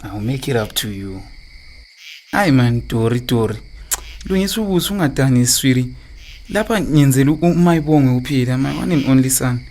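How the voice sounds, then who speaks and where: Voicing a smooth, defensive, unfaithful husband and father in a radio drama, a man with a Zimbabwean accent speaks in an expressive, slightly mellow mid-range voice at normal speed, close to everyday talk. There's a little hiss or hum. He's coaxing and reassuring, stammering excuses and switching into English phrases.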